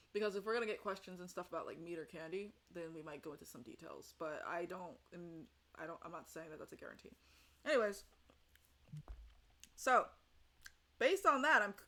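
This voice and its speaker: Bright-voiced woman hosting a fan panel. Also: on the low side. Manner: rambling, laughing, self-correcting. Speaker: game host. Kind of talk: casual chat on a livestream panel.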